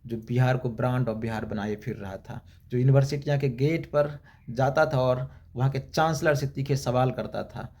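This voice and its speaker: Gravelly-voiced man giving a fiery monologue. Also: medium pitch, a little mellow. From Bihar, India. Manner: rhetorical and repetitive, building emphatic lists. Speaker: YouTube channel host. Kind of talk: impassioned political monologue.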